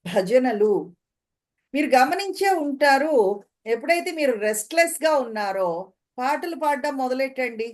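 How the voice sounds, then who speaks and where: Woman giving a slow spiritual talk. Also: a little high. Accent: Telugu. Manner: slow, explaining, asks listeners questions. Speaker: translator of spiritual commentary.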